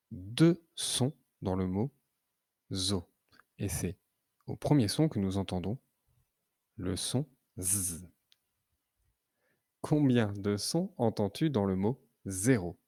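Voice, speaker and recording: A man teaching children to read, sounding out syllables slowly and clearly. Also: lowish voice, a little mellow, no echo, studio quality. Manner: slow, clearly articulated syllables. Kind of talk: reading lesson for children.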